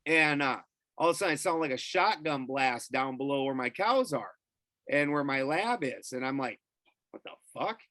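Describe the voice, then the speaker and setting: A man's voice: mid-range voice, moderate pace, no echo. A middle-aged man telling a story as a podcast guest, casually and with a lot of swearing. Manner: profane, animated storyteller.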